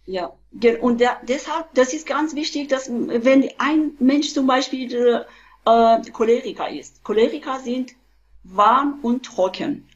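A woman in her fifties from Iran, a physician, explaining on a video call in a halting way with many fillers and restarts. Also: on the high side, dull audio. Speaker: physician, interview guest. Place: small room at home. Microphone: webcam on a video call.

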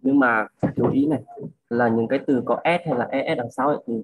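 A young man casually tutoring a classmate, repeating words and slowly modelling pronunciation. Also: medium pitch, a little hiss or hum, low-quality recording. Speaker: student coaching a classmate.

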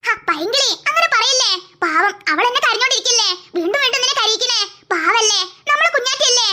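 A woman voicing a kind, soft-hearted schoolgirl in a cartoon who coaxes her friend gently. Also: lively intonation, fast talker, very noisy. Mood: coaxing. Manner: soft and coaxing, lower than the others. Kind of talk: cartoon voice acting.

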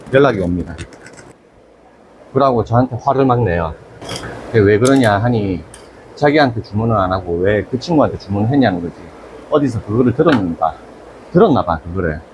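A man with a Gyeongsang Korean accent who runs an aquarium business, casually retelling his own story and acting out his angry exchanges. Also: mid-range voice. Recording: noisy ambient background.

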